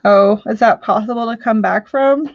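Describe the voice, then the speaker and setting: A woman's voice: a little high, normal speed, gravelly, no echo, dull audio. A woman from Missouri hosting a casual live stream talk show from home, chatting, joking and reading out viewer comments. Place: home living room.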